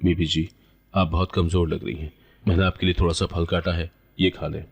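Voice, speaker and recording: A man voicing a timid, kind male servant who speaks gently and deferentially. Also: sits low, flat delivery, fairly quick, gravelly, husky, exaggerated voice. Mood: gentle.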